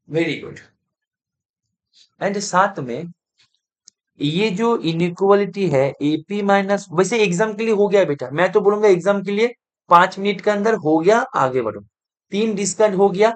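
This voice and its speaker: A male math teacher giving a live online lecture in speech, who keeps checking in with his students and coaxing answers from them. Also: sits high.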